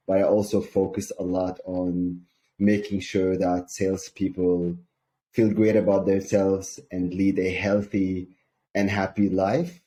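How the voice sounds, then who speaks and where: A man from Syria, a sales coach, speaking calmly and measuredly as an interview guest, with frequent ums. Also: deep voice, unhurried.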